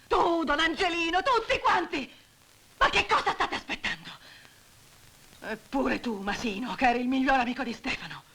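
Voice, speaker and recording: An actress playing a frightened, furious young widow in a dubbed film drama, shouting in anguish and then trembling with tears. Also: female voice, fairly high pitch, fast, hardly any pauses, slightly rough. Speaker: widow of a murdered man.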